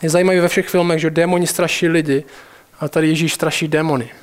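A man preaching a sermon, speaking straight to his listeners with urgency and slowing down to stress key phrases. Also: on the high side, level tone.

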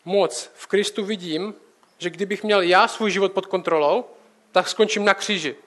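Young guy with a high voice doing a chill sermon, keeps asking the listener questions. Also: a bit bright. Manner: conversational, direct address with rhetorical questions. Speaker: preacher.

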